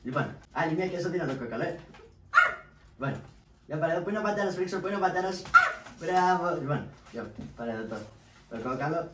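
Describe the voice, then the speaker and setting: A man voicing a brash, scheming trickster who scolds and shouts orders, in a shadow puppet play, with roomy echo and distant mic. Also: fairly high pitch, expressive, pauses often, very noisy, voice pushed up, natural voice. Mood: bossy. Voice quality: loud, scolding.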